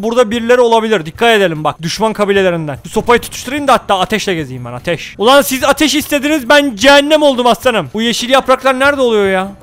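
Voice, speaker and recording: A man giving excited gameplay commentary to his viewers. He is loud and excitable, swearing and shouting at enemies. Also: high voice. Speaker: gaming video host.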